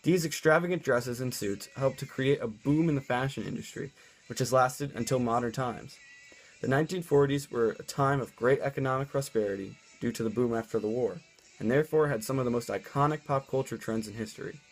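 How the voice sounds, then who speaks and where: A man delivers scripted narration in a medium-pitched voice. Faint music plays behind him as he reads. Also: brisk, rough recording.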